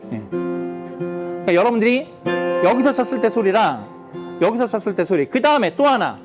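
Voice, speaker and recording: A man's voice: sits high, big pitch swings, moderate pace. A man teaching a guitar lesson, explaining step by step, asking the class questions and counting beats aloud.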